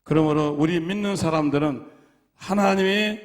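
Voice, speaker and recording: A man preaching a sermon in a church, telling stories in an animated way with dramatic swings in loudness. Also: on the high side, normal speed. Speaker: pastor. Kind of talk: storytelling sermon.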